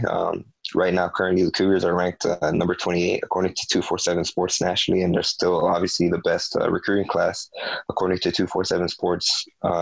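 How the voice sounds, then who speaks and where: Low flat-voiced man, halting podcast chat. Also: gravelly, slightly rough, no echo, rough recording. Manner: halting, many fillers and restarts. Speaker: podcast co-host. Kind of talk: casual sports podcast chat.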